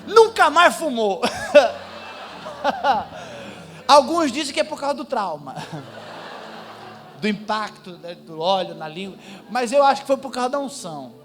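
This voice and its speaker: A man preaching, telling a personal testimony in an animated, comic storytelling manner in church. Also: high-pitched, normal speed, a little hiss or hum. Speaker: pastor. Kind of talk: sermon testimony.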